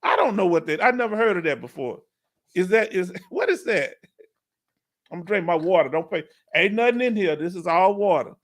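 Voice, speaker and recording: A middle-aged man with a Houston, Texas accent chats casually with viewers on a live Q&A stream. He talks in a relaxed, rambling way and laughs easily, and his voice sits a bit higher than most men's. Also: brisk. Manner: laid-back, chatty, laughs often. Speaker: livestream host.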